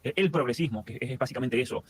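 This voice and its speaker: A man's voice: medium pitch, a little hiss or hum. A man, a guest in an interview, explaining at length in long lists. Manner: rapid, explanatory, lists things in long chains. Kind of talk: casual interview.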